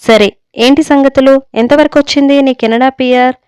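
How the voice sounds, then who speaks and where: A woman's voice: high-pitched, fairly even intonation, moderate pace, a little mellow, clear, resonant tone, dry recording, pitched above the performer's own voice, natural voice. A woman voicing a retired older father in a read-aloud story, with a dry, wry way of talking. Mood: probing. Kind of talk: storybook reading.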